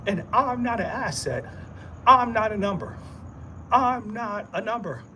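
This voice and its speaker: A man's voice: sits high, lively intonation, a little slow, pushed and bright, a little hiss or hum. A man giving a rambling motivational monologue in streetwise slang, repeating himself often and laughing into his words. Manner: repetitive, emphatic, streetwise slang. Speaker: vlogger.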